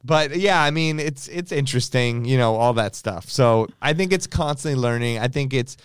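A man hosting a podcast, talking easily and thinking out loud in casual conversation. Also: medium pitch, moderate pace, clean tone, no echo, studio quality. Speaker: podcast host.

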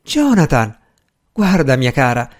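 A man reading a novel aloud, voicing a tender, hopeful young woman in a soft, pleading tone. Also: a little high, sing-song, normal speed, pitched above the performer's own voice. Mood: wistful, eager. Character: young English lady, tender and hopeful, dreamy.

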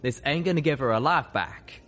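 A man's voice: medium pitch, a little fast, fairly bright tone, faint music behind, voice pushed up, close to an everyday voice. A man voicing a young male pegasus pony, a folksy wisecracking friend who drawls in slang. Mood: wry.

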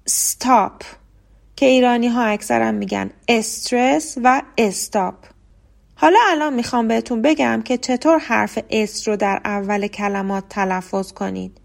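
A woman hosting a podcast lesson, explaining English pronunciation in a clear, scripted way and slowing down to model example words. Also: a little high. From Iran.

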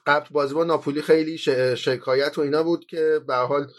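A man giving casual football analysis on a podcast, often pausing with filler sounds and restarting his sentences. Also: fairly high pitch, steady tone. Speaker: football pundit.

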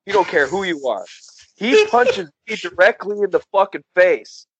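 A man's voice: sits high, moderate pace, slightly rough, no echo, muffled recording. A man casually telling a wild story on a podcast, swearing constantly and laughing often. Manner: profane, laughing, animated storyteller.

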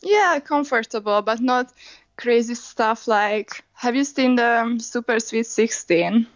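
Brief Hungarian-accented woman in her 20s, interview guest, unhurried and plain-spoken, dull lo-fi line, dry sound. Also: fairly high pitch, no echo. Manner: unhurried, matter-of-fact, simple non-native phrasing. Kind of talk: casual interview answers.

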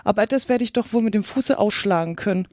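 A woman's voice: medium pitch, fast talker, a little mellow, dry recording, clean studio sound, natural voice. A woman voicing a curious, plucky young girl who talks earnestly to herself in a storybook reading.

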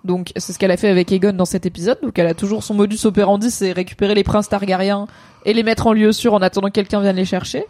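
A woman chatting casually as co-host of a streamed episode debrief, hopping between points with lots of fillers. Her voice sits at an ordinary pitch and sounds close and dry, with no room echo. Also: fairly even intonation, dark tone. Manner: chatty, quick digressions, many fillers. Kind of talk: casual chat.

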